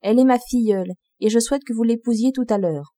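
A woman's voice: on the high side, fast, mellow, dry recording, close to an everyday voice. A woman reading the lines of a powerful, vengeful fairy in a storybook, in a commanding tone. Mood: imperious. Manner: commanding, absolute tone.

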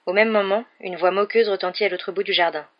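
A woman reading a storybook aloud in an even, measured narration. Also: mid-range voice. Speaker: audiobook reader. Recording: dull lo-fi recording.

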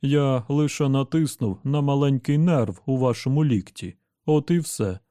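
A self-satisfied robot servant with a prissy, sanctimonious manner speaks slowly, as a man puts him on. The voice is dark and mellow, recorded close and dry like a storybook audiobook. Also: medium pitch, no room sound, close to an everyday voice. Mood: smug. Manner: self-satisfied, prim, falsely caring. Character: smug pious male robot servant.

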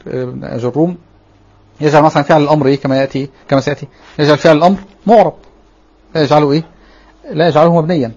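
A male grammar teacher with an Egyptian Arabic accent reads from a classical text and then explains it step by step. His voice sits a little high and sounds somewhat husky. The recording is dull and lo-fi. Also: darkish tone. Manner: reads a text aloud then explains it, with frequent checking questions.

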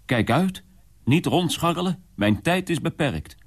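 A man's voice: a little high, animated, measured pace, slightly rough, voice pushed up, heavily acted. A man voicing an eccentric older man in a radio drama, barking erratic commands at a youth. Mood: ranting. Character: eccentric, ranting older man, lord of his room.

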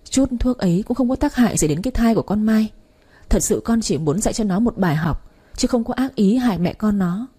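A woman's voice: mid-range voice, mellow, husky. A woman voicing a desperate young wife who pleads tearfully, her voice rising.

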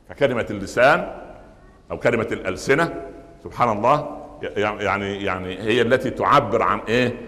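An older man preaching with an Egyptian Arabic accent, animated and joking, often asking the audience questions and answering them himself. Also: medium pitch. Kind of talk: lively sermon in Egyptian Arabic. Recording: long hall reverb.

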